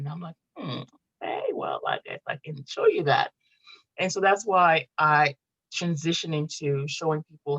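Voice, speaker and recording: A woman's voice: low-pitched, a bit bright, no echo, lo-fi sound. A woman from Morocco, in her thirties, chatting casually as an interview guest, laughing often and restarting her sentences. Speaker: guest, content marketing strategist.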